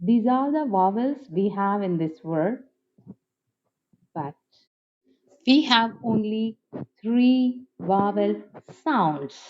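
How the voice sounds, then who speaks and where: Speaking with careful, measured slowness, a female English teacher runs through a phonetics lesson and repeats each example word. Her pitch rises and falls animatedly to stress the words. The audio is lo-fi and dull, with a bit of background noise.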